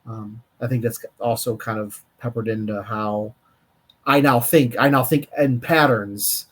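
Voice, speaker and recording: A man's voice: mid-range voice, fairly even intonation, unhurried, a bit bright, slightly rough. A man co-hosting a live-streamed data podcast, tired and yawning, talking in a rambling way with many fillers and restarts. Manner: rambling, self-correcting, lots of fillers. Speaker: podcast co-host, data engineer. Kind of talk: casual live-stream chat.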